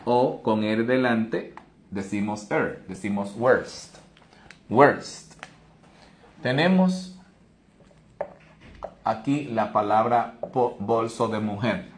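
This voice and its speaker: A man's voice: fairly low pitch, slow pace, long pauses, slight background noise. A man teaching English pronunciation in an online lesson, explaining each rule step by step and praising viewers by name.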